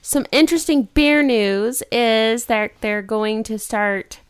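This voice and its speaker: A woman's voice: on the high side, takes it slowly, clear, resonant tone, dry recording. Woman co-host, dry and teasing, offhand news reader. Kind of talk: casual chat.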